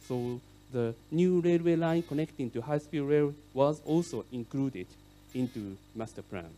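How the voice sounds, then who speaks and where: Middle-aged Japanese-native man, keynote lecturer, mellow voice, halting English full of "uh"s. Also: medium pitch. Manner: halting non-native English with many fillers. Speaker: keynote speaker on urban rail.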